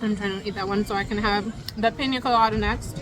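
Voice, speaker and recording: A woman's voice: medium pitch, fairly even intonation, quick pace, crowd noise, background noise. A woman chatting casually in a travel vlog, reviewing food outdoors and talking with her mouth full. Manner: chatty, talks while eating, laughs often. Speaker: travel vlogger. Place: outdoors at a cruise line's island stop.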